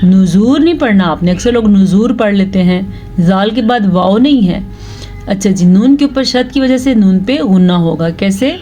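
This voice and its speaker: A woman teaching Quran recitation rules, reciting verses slowly and drawn out, then explaining each rule. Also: mid-range voice, animated, mellow, faint music behind. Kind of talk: slow recitation lesson with explanations.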